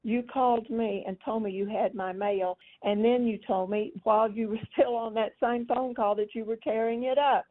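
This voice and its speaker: A woman's voice: a little high, fairly even intonation, moderate pace, few pauses. A woman on a phone call, stern and scolding as she lectures the caller. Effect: heard over a phone line. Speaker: prank call target. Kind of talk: phone argument. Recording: tinny phone line.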